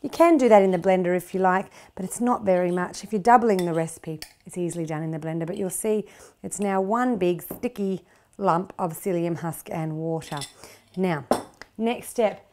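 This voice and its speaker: A woman's voice: mid-range voice, moderate pace, dark tone. A middle-aged woman hosting a cooking show, chatting encouragingly as she demonstrates a recipe in a kitchen. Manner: chatty, encouraging, talks while working. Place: home kitchen studio, indoors.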